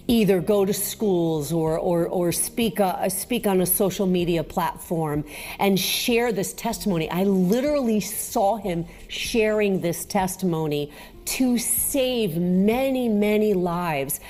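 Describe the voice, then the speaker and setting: A mother giving a slow, earnest and devout personal testimony about praying for her son. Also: mid-range voice, darkish tone. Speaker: mother of the interviewee.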